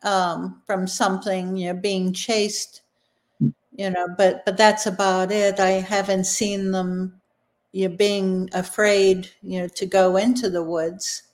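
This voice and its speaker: A woman who is a guest on an interview podcast, speaking in a measured, casual way. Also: mid-range voice, little pitch movement.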